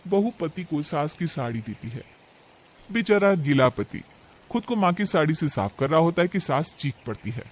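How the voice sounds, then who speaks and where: A man giving scripted narration for a cartoon story in an even storytelling manner. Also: fairly high pitch, moderate pace.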